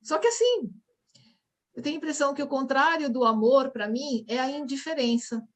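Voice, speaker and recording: Woman host, slightly high voice, reflective chatty delivery. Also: expressive, a little fast, fairly bright tone. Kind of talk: casual chat on a video call.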